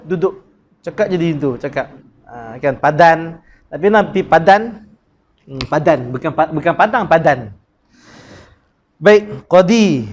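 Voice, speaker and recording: A man with a Malaysian Malay accent teaching Quran recitation in a class, drilling syllables and chanting verses slowly. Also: sits high. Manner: drills sounds by repeating syllables, asks the class questions.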